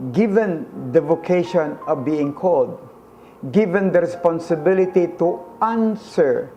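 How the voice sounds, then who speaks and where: Man, earnest sermon, slightly high voice, very slow delivery. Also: dark tone. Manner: slow, earnest, emphatic with rising stresses. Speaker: preacher. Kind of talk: sermon-style reflection.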